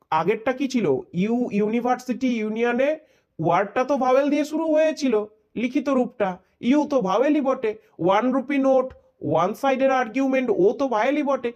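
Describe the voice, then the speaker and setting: A man's voice: extremely high pitch, darkish tone, lo-fi sound. A man teaching English grammar, repeating sounds and asking checking questions. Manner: repetitive, drills pronunciations and asks checking questions; reads English rules out slowly and deliberately. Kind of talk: explanatory lesson.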